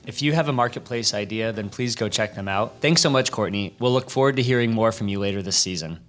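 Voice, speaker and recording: A man's voice: on the low side, fast talker, a bit bright. A man hosting a podcast interview in casual, effusive, informal chat.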